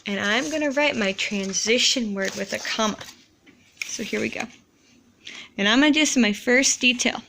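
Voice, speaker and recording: A woman teacher slowly modeling how to write sentences for young students, in a deliberate, encouraging classroom manner. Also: fairly high pitch, vocal fry, sharp tone, slight background noise.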